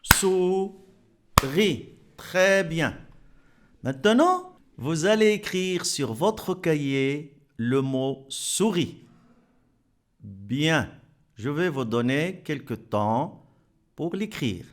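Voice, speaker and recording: A man's voice: fairly high pitch, very animated, very slow, long pauses. A man teaching French to young children, patiently repeating words and clapping out their syllables. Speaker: primary school French teacher.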